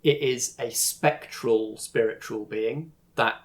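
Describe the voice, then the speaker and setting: A game master with a mid-range voice runs a tabletop role-playing game, explaining things in a measured way and pausing to choose his words.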